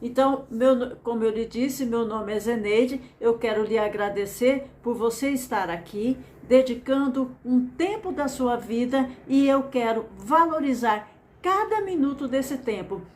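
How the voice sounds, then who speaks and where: A woman's voice: fairly high pitch, unhurried, darkish tone, a little hiss or hum. A woman from Mato Grosso do Sul with a Brazilian accent, giving an earnest, encouraging motivational lecture and repeating phrases for emphasis. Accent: Brazilian Portuguese. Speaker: speaker presenting a method.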